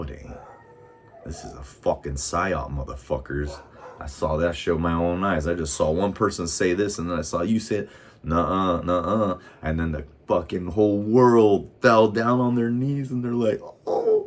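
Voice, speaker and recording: A man's voice: sits low, slight background noise. An American man vlogging in a casual monologue, swearing often as he rambles heatedly. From United States.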